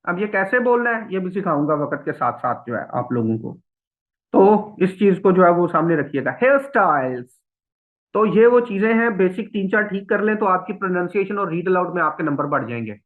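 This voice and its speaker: A man teaching an English test class, explaining slowly and repeating words for students to copy. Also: high voice. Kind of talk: classroom lecture. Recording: phone-like thin sound.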